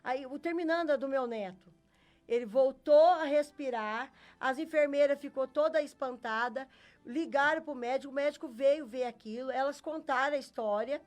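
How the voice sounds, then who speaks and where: A woman's voice: high voice, normal speed, soft background music. Earnest Brazilian woman telling her story. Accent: Brazilian Portuguese. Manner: earnest storyteller who acts out quoted dialogue. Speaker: interview guest. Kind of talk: personal faith testimony.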